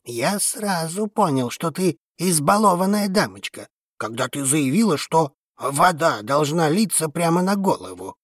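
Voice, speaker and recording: A woman putting on a husky, gruff old man. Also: sits low, big pitch swings, measured pace, few pauses, no echo, clean studio sound, pitched below the performer's own voice, full character voice. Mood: cynical. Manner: surly, blunt and dismissive. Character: gruff cynical old male space trader.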